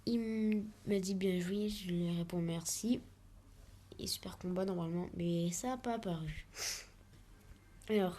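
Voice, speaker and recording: Casual woman gamer, talks through each move live, mid-pitched, easygoing let's-play energy. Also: a little mellow. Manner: chatty, narrates each move as it happens. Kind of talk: live gameplay commentary.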